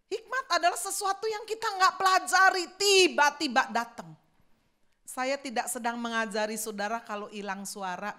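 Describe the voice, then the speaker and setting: A middle-aged woman pastor preaching a sermon. She tells a lively story and keeps turning to speak directly to her congregation. Her voice sits a little high for a woman.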